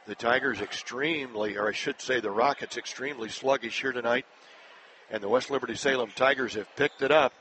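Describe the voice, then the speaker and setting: A man announcing a live high school basketball game play-by-play, brisk and climbing higher and louder when a play breaks open. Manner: brisk, rising sharply in pitch and volume on big plays. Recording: broadcast with loud crowd noise.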